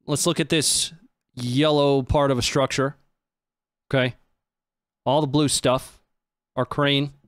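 A stream host in his thirties gives casual live commentary on footage, speaking slowly and flatly with frequent pauses in a mid-range voice. He's at a close boom-arm desk microphone in a small indoor studio, in a dry recording.

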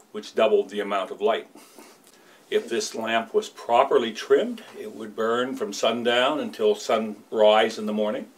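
A Canadian man in his fifties, a lighthouse keeper's son, calmly explaining and reminiscing in a small indoor room. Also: mid-range voice. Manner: measured, explanatory. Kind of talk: casual demonstration and reminiscence.

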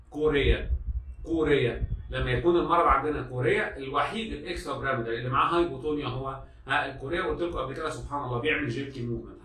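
Rapid-fire Egyptian man lecturing. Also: mid-range voice, a bit bright, recorded from a distance, a little hiss or hum. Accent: Egyptian Arabic. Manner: repetitive, drilling students, acts out exam steps. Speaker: medical lecturer. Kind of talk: classroom lecture. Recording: echoey room, speaker off-mic.

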